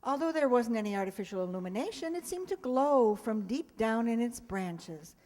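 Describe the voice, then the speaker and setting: A high female voice rings out in a long, echoey hall. It is an actress as a dry, wisecracking schoolteacher from a vintage-style radio comedy, tossing off wry remarks. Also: animated, normal speed, darkish tone, close to an everyday voice. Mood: reflective narration. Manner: dry, sardonic. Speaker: lead actor and narrator. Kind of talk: old-time radio comedy acting.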